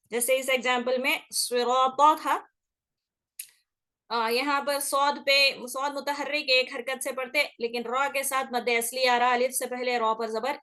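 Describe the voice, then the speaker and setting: A woman's voice: high voice, bright, forceful tone. A woman teaching Quran recitation rules in a patient lesson, checking in often and stretching sounds out to demonstrate. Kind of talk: explanatory classroom lesson.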